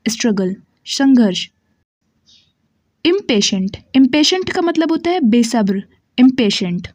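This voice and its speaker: A woman teaching English vocabulary, saying each word and its meaning slowly and repeating both. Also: fairly high pitch, darkish tone, no echo. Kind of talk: slow word-by-word vocabulary drill.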